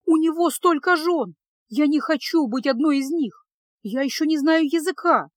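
A woman voicing a frightened, flustered young apprentice witch who protests in a high, squeaky voice, in a storybook reading. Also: very animated, normal speed, fairly bright tone, no echo, clean studio sound. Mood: protesting.

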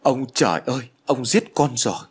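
A man's voice: medium pitch, animated, fairly quick, slightly rough, voice pushed up. A man voicing a frightened, stammering young man in a spoken ghost story. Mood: despairing. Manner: panicked, stammering.

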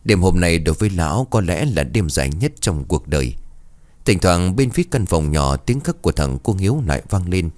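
Deep-voiced male ghost story narrator. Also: brisk, no room sound. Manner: expressive, dramatic storytelling.

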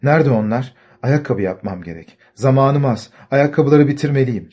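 A confused old doctor, played by a male narrator in an audiobook, hoarse and choked. He pleads and shouts, his low voice pushed higher and louder. Soft music runs underneath. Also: expressive, brisk. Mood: distraught.

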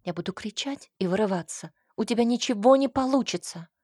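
A woman's voice: medium pitch, moderate pace, a little mellow, breathy edge, no echo, clean studio sound, lightly acted. A woman voicing a frightened but defiant young married woman in an audiobook, speaking insistently. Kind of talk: audiobook character reading.

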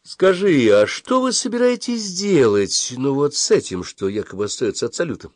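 A man voicing an anxious, scolding mother in an audiobook, pressing and shrill. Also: big pitch swings, moderate pace, darkish tone, no echo, studio quality. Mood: worried scolding. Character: anxious, scolding mother, middle-aged woman. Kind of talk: audiobook character reading.

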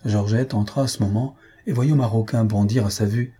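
A man reading a novel aloud with steady, measured storytelling. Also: fairly low pitch, slightly rough. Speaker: reader.

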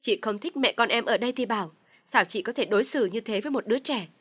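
A woman voicing a young sister-in-law who shouts accusations in a high, loud voice in an audio story. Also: lively intonation, fast. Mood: shrill accusing.

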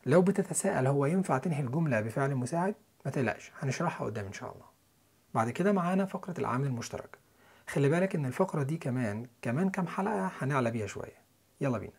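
A young man with an Egyptian Arabic accent, teaching English listening and pronunciation in a quick, chatty way. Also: mid-range voice, lively intonation, gravelly, darkish tone, husky. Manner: quick, chatty lesson delivery with spelled-out letters and repeated example words.

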